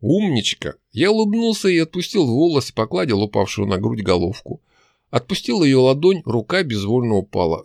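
A man narrating a first-person fantasy audiobook, with expressive, animated storytelling. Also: medium pitch, creaky, no echo, clean studio sound.

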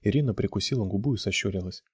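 A man reading an audiobook novel in a measured, even narration. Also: fairly low pitch, breathy edge, dry recording, studio quality. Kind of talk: scripted narration.

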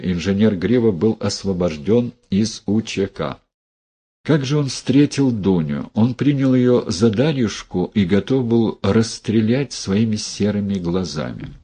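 Narrator: man, slow dramatic audiobook reading, mellow dark husky tone. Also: fairly low pitch. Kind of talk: literary narration.

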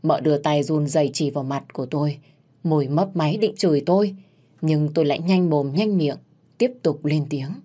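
A woman narrating a first-person audio story in a steady, measured way. Her voice sits low and husky, with an even reading pace.

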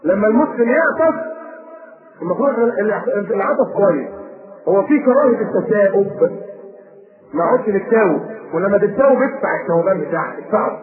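A man with an Egyptian accent preaching a sermon, animated and scolding, mimicking people as he goes. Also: high-pitched, quick pace, echoey room, narrow, tinny audio, a crowd in the background. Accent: Egyptian Arabic. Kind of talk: recorded sermon lecture.

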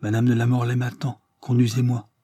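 A man's voice: monotone, a little fast, husky, no room sound, studio quality, lightly acted. A man reading an audiobook, voicing a devoted elderly peasant nursemaid who speaks earnestly and urgently. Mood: commanding. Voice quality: raised pitch, forceful. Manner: earnest and pleading.

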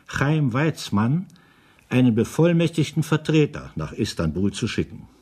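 A male narrator reading documentary-style radio drama narration in a sober, measured way. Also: mid-range voice, darkish tone, breathy edge.

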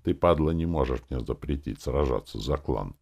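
A man voicing a shrill, quarrelsome young woman ranger who screeches back in arguments. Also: animated, moderate pace, vocal fry, a little mellow, heavily acted. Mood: furious.

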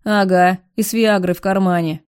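Stubborn rich young man, blunt, teasing, mellow, read by a woman. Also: mid-range voice, fairly even intonation, normal speed, smooth, lightly acted. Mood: defiant.

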